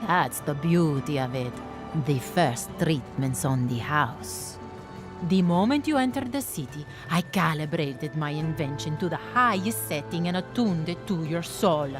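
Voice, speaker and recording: A flamboyant salesman pushing a soul machine, rolling out a hammy Italian accent in grand, sing-song patter over bold game music. The voice sits on the low side. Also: expressive, unhurried. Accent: put-on Italian accent.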